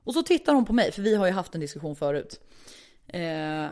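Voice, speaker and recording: A woman telling a story in casual chat, animated, indignant, and swearing freely. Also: fairly low pitch.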